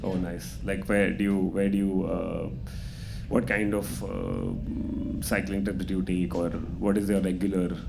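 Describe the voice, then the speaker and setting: A man's voice: sits low, a little slow, vocal fry. A man hosting an open mic, bantering with the audience in a teasing, laughing way. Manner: teasing, laughing, animated chatter. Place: indoor open mic venue. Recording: audible background noise.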